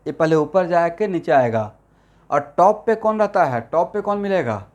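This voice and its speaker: A man's voice: fairly high pitch, expressive, moderate pace, a little mellow, muffled recording. A male chemistry teacher lecturing a classroom in Hindi mixed with English terms, constantly checking that students follow. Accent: Assamese-influenced Hindi.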